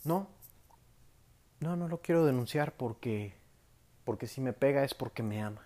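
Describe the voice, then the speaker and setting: A man voicing an anxious, submissive young wife who talks softly and pleadingly. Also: mid-range voice, animated, moderate pace, close to an everyday voice. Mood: resigned.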